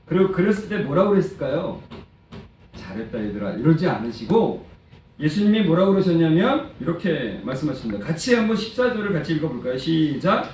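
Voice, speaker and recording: A man's voice: fairly high pitch, very animated, quick pace, a little mellow. A man preaching a sermon to children and adults, quizzing the congregation and acting out quotes. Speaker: preacher and praise-song lyricist. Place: church sanctuary. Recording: echoey church hall, distant mic, faint noise.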